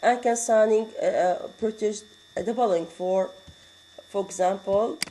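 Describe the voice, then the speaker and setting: Woman teacher, Arabic accent, mellow voice, patient and repetitive lecture delivery. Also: mid-range voice, slight background noise, rough recording. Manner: explains slowly, repeating words and reading out examples; switches into Arabic to explain. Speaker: English grammar teacher. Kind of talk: classroom lecture.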